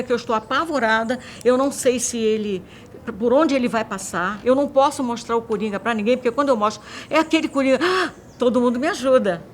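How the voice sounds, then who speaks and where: In a documentary interview on mental health, a woman speaking as a doctor explains things in a hesitant yet vivid way. Her voice is a little high, with slight background noise.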